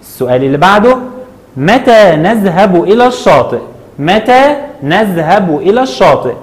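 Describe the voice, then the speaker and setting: A man with an Egyptian accent teaching a children's lesson. He patiently asks questions and answers them himself, stretching words out slowly. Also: high voice, big pitch swings. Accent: Egyptian Arabic. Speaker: primary school Arabic teacher.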